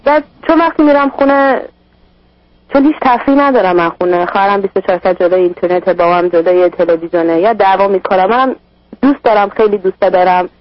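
A woman's voice: medium pitch, dry recording, muffled recording. A young woman calling in to a radio advice show, speaking hesitantly with filler sounds. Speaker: caller.

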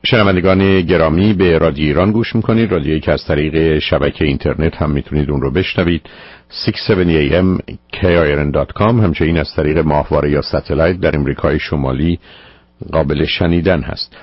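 Very low, husky male radio host, calm advice-giver, dull lo-fi sound. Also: no room sound. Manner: calm, measured advice to callers. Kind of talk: call-in advice show. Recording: muffled lo-fi radio broadcast.

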